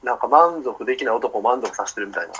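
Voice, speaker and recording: A man's voice: medium pitch, animated, quick pace, a bit bright, husky, rough recording. A man with a Kansai accent co-hosting a casual, comic radio chat, talking with a sore, swollen face after having wisdom teeth out. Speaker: radio talk show co-host. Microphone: remote call recording.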